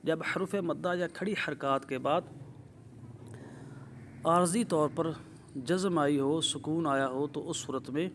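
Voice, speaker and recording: A man teaching the rules of Quran recitation in a methodical lesson, explaining step by step and slowly drawing out example words. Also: on the high side, slight background noise. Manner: drawn-out slow demonstrations of recited words. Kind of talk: tajweed lesson.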